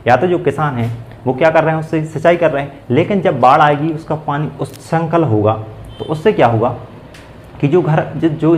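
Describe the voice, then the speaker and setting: A man's voice: on the high side, a little mellow, slight background noise, poor audio. A man teaching grammar, asking a question and then answering it himself, repeating the key words, with phrasing. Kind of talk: classroom-style grammar lesson.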